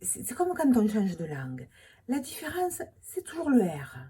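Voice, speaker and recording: Raspy woman with a Toulouse accent. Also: mid-range voice, huge pitch swings, moderate pace, mellow. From Toulouse, France. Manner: ironic, chatty, drops into whispered asides. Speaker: vlogger. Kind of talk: humorous monologue to camera.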